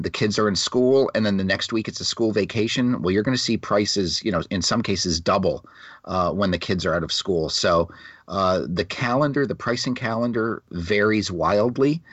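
Low-voiced American podcast man, wordy. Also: no echo. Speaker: podcast co-host. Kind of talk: casual explanatory podcast talk. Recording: dull lo-fi, dry close audio.

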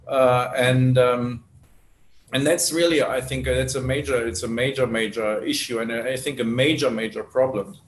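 A man thinking aloud in an intellectual conversation, halting and repeating phrases for emphasis, often checking with a short tag question. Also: mid-range voice, steady tone. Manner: halting, emphatic repetition, tags phrases with "right". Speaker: discussion participant. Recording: roomy echo, some background noise.

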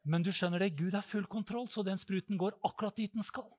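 A man preaching a sermon, telling stories and acting out prayers with loud, high-pitched cries. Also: fairly even intonation.

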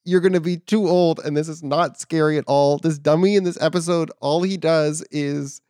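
A man's voice: on the high side, steady tone, normal speed, dark tone, smooth, no room sound, clean studio sound. A male podcast co-host in casual chat, wry and questioning as he reasons things out aloud.

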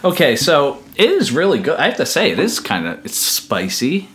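A man's voice: fairly high pitch, huge pitch swings, normal speed, fairly bright tone. A man hosting a podcast in casual chat, jokey and theatrical, his speech slightly affected by a dental retainer. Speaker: podcast host.

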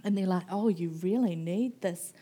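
A New Zealand author in her thirties, a guest at a live festival conversation, talks animatedly and rambles, laughing and mimicking people. Her voice is medium in pitch and warm in tone, at a moderate pace.

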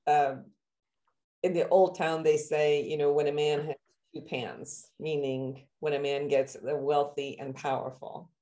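A woman from Iran, a therapist, hosts a conversational interview in a slightly low voice. She strings long questions together with fillers and restarts, and breaks into sudden high, animated exclamations when she acts out how people react. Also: unhurried. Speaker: therapist and podcast host.

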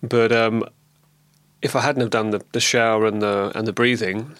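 A man with a lingering cold talks in a relaxed, rambling way, full of ums and restarts, as in a personal video diary. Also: fairly low pitch, normal speed, clean tone, no echo. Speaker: vlogger.

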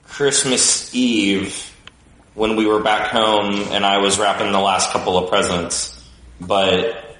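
A man's voice: lowish voice, slow pace. Man with a cave-like echo. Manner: relaxed, chatty and talkative. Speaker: podcast guest. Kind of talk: casual chat. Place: echoey basement room.

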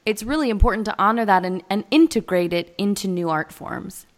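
A woman hosts a relaxed interview, nodding along with frequent "yeah"s and asking easy follow-up questions. Her pitch is ordinary for a woman. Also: fairly quick. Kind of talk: casual interview chat.

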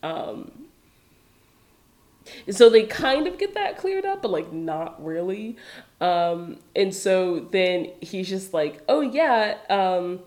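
A woman's voice: fairly low pitch, animated, slow, darkish tone. A woman co-hosting a casual chat, giggling and telling the story with animation. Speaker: podcast co-host. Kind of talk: casual chat recapping a film.

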